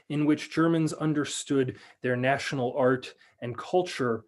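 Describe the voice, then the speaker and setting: A man lecturing on a video call, reading a prepared paper in a measured way and then answering questions with many fillers and restarts. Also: mid-range voice. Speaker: lecturer and researcher.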